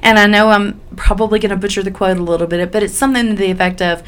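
A woman's voice: mid-range voice, fairly even intonation, very fast, clear, resonant tone. A woman hosting a podcast in a casual, folksy, chatty way, sounding a little sick with a cold. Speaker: podcast host.

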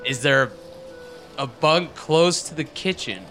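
A man playing a ship's captain in a tabletop game, dry and deadpan. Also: fairly high pitch, slow, soft background music. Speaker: player.

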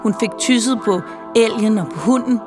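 A woman narrating a children's Christmas story in a lively, playful storytelling manner. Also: a little high. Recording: reverberant with faint music.

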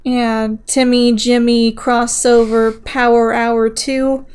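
Female podcast co-host, somewhat high-pitched, informal conversational film reviewing. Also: little pitch movement, slow pace, a little mellow, clear, resonant tone. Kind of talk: casual film review chat.

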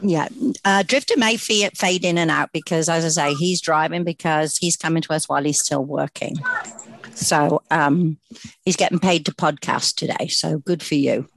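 A woman's voice: low voice, moderate pace, creaky, no room sound. A woman with a British accent hosting a podcast in a casual, chatty style. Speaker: podcast host. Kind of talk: casual podcast introduction and chat.

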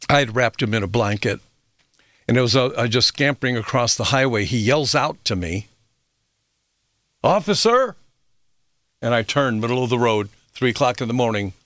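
A man's voice: medium pitch, fairly bright tone, no echo, studio quality. A middle-aged man hosting a health radio show, telling reflective stories with fillers and restarts. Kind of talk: radio talk monologue.

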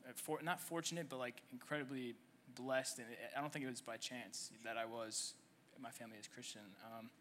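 Bright-voiced young man sharing his story. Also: medium pitch, fairly even intonation, a little hiss or hum. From Egypt. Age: 20s. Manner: halting, many fillers and restarts. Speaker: church member guest. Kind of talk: conversational testimony on stage. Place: church service stage.

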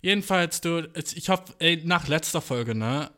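Young male podcast host, slangy and self-mocking, slightly high voice, acts out his inner voice. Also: animated, measured pace, pushed and bright. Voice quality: slangy, swears a lot, mixes in English. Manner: self-mocking, laughs often, acts out his own thoughts. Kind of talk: casual storytelling monologue.

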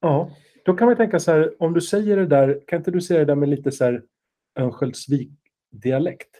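This podcast co-host has a slightly high voice with a dark tone. Chatting casually, he stumbles through explanations with fillers, hesitations and restarts, all while teasing his partner in a playful way.

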